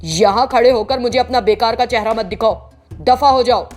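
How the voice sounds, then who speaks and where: A woman's voice: mid-range voice, moderate pace, darkish tone, faint music behind, close to an everyday voice. Woman voicing a bullying harsh husband. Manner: threatening, barking orders.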